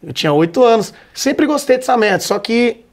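A man's voice: very high voice, expressive, a little fast. A man from Vitória, Brazil, a stand-up comedian chatting casually as a podcast guest, laid-back and full of slang and swearing.

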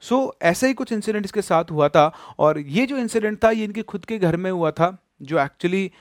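Male storyteller from rajasthan, dramatic spooky telling, bit high voice, dry close sound. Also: normal speed, no echo. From Rajasthan, India. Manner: animated, dramatic, addresses listeners directly. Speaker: storyteller host.

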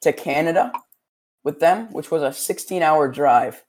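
A man's voice: on the high side, animated, measured pace, darkish tone, a little hiss or hum. A young man chatting casually with friends, teasing and playful as he tells stories. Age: young adult. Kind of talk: casual chat among friends.

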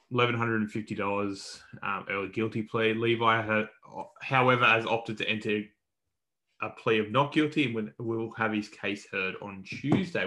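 A man's voice: on the low side, pushed and bright. An Australian man co-hosting a podcast, giving a casual, colloquial rundown of sports news in a matey way. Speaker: podcast co-host.

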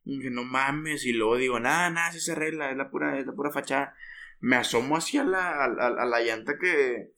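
Vulgar, bright-voiced northern Mexican man. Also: mid-range voice, fairly quick, gravelly, slight background noise. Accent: northern Mexican, Monterrey. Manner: crude slang-heavy storytelling, frequent restarts. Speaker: podcast co-host. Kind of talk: casual chat.

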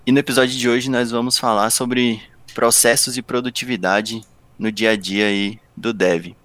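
A man's voice: medium pitch, fairly even intonation, moderate pace, a bit bright, slight background noise. A man with a Brazilian accent hosting a podcast in a casual, conversational style. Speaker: podcast host.

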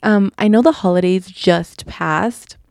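On her solo podcast, a young Utah host talks casually in a mid-range, gravelly voice with a darkish tone. She rambles, restarting often and saying um a lot, and a slight lisp shows on quick S sounds. The studio recording is clean, with no room sound.

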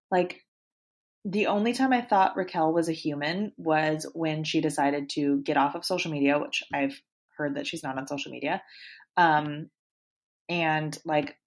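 A woman co-hosting a podcast, chatting casually and acting out quotes with animation. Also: low voice. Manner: animated, acts out quotes from the show. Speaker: podcast co-host. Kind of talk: casual chat about a reality show.

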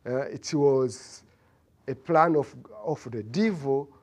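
A man from Rwanda with a Rwandan accent gives a church testimony, haltingly, searching for words and repeating phrases. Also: medium pitch, darkish tone. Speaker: congregation member giving testimony.

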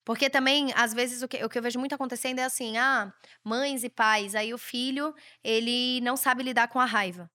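A woman's voice: on the high side, fairly even intonation, brisk, hardly any pauses, pushed and bright. A Brazilian woman in her thirties hosting a podcast, giving a blunt, provocative motivational monologue with casual swearing. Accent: Brazilian Portuguese. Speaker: podcast host.

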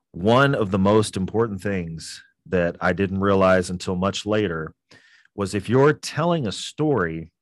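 Man, very low voice, dry close sound, laid-back guest who rambles with fillers. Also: no echo. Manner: relaxed, rambling with many fillers. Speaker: podcast guest. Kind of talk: casual interview chat.

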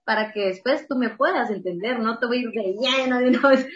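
A woman's voice: a little high, brisk. A woman explaining ideas about communication patiently in casual talk. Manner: explanatory, laughs easily. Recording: roomy, dull lo-fi audio.

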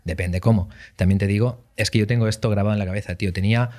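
A man chatting as a podcast guest, telling animated stories and acting out what people said. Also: on the low side, rapid-fire. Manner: animated storytelling, acts out quotes. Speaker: guest youtuber. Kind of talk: casual podcast chat.

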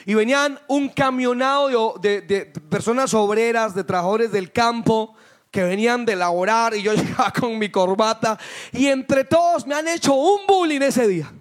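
Pastor guy preaching hard, super high voice, keeps asking the crowd questions. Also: normal speed. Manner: fervent preaching with rhetorical questions. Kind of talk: sermon.

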